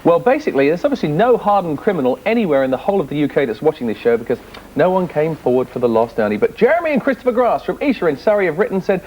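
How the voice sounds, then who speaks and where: Fast-talking, animated man presenting. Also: a little high, lo-fi sound, slight background noise. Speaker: children's TV presenter. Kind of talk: chatty live presenting.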